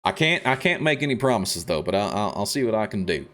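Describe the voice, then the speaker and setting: A man's voice: on the low side, very animated, fast, fairly bright tone. A young man streaming a game, chatting casually with his audience and reading chat aloud, with many fillers and restarts.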